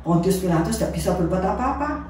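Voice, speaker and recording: A woman teaching children, telling a Bible story in an animated, lively way and asking the kids questions. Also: lowish voice, fast talker, a little hiss or hum. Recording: echoey room from far off.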